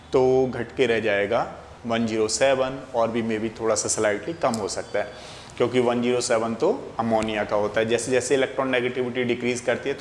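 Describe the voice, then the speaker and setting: A man teaching a chemistry lesson in a classroom lecture style, explaining step by step and asking and answering his own questions. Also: mid-range voice. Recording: echoey room with faint background noise.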